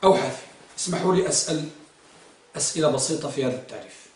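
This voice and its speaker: A man's voice: on the high side, animated, very fast, a little hiss or hum. A man teaching a grammar class, quizzing his students and repeating their answers. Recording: echoey room, far from the mic.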